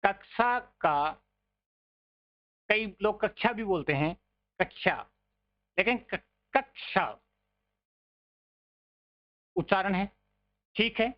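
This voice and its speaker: Male teacher for a grammar lesson, slow and steady delivery, repeats words for drills, muffled lo-fi recording. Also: sits high. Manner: addresses listeners as friends.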